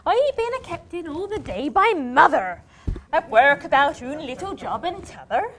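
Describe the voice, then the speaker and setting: A woman's voice: sits high, very animated, a bit bright, full character voice. A woman playing a teasing young girl, reciting a dialect verse dialogue with a playful, scolding manner. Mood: protesting. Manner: playful, scolding, quick to laugh. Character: young country girl sweetheart, pert and teasing.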